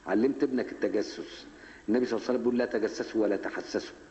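A man's voice: lowish voice, fairly even intonation, rapid-fire, mellow. A man with an Egyptian Arabic accent preaching a Ramadan lesson in a mosque, who keeps prompting his audience with rhetorical questions. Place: large mosque hall. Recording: echoey mosque hall, dull 1980s recording.

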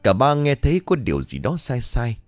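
A man narrating a ghost story with an animated, dramatic telling. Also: mid-range voice, moderate pace, no echo. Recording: dry studio voice with faint music.

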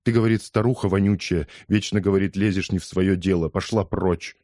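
A man's voice: low-pitched, fairly even intonation, fairly quick, mellow, no echo, studio quality, lightly acted. A man voicing an indignant older woman who scolds and rambles in an audiobook. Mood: outraged. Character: indignant older woman, loud gossiping mother. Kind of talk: audiobook character voice.

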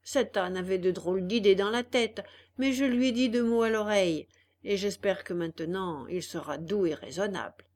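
A woman reading aloud, voicing a fawning little man who flatters with sweet words. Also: medium pitch, moderate pace, close to an everyday voice. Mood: coaxing. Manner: honeyed, flattering.

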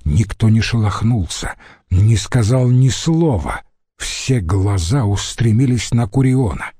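A man narrating a historical novel as an audiobook in a measured, dramatic way. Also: fairly low pitch, animated, dark tone, husky, dry recording. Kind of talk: scripted narration.

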